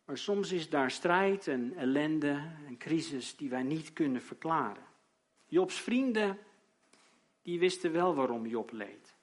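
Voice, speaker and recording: Male preacher, fairly high-pitched, dramatic sermon delivery with loud emphatic peaks. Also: animated, slow pace. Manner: dramatic, rising to loud emphatic outbursts when quoting.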